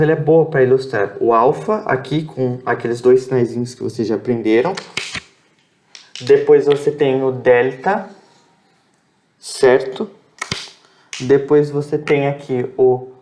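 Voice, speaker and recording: Slow, patient Brazilian man teaching. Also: mid-range voice, a little mellow. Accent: Brazilian Portuguese. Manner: spells out sounds and syllables, corrects himself aloud. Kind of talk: classroom lesson at a whiteboard. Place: improvised room with background noise.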